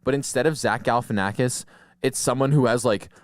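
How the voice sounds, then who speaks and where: A man's voice: medium pitch, a little fast, no room sound. A young man co-hosting a comedy podcast, talking casually with lots of swearing and laughter. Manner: animated, profane, laughs often. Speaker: podcast co-host.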